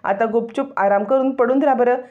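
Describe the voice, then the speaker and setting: A woman's voice: on the high side, brisk, natural voice. A woman reading the lines of a young husband who insists and scolds, in a dull lo-fi recording. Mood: insistent. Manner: insistent, exasperated.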